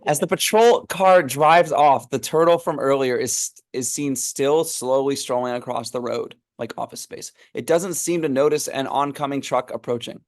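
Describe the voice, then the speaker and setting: A man's voice: medium pitch, normal speed, hardly any pauses. A man narrating a script read, reading stage directions aloud in an informal, amused way.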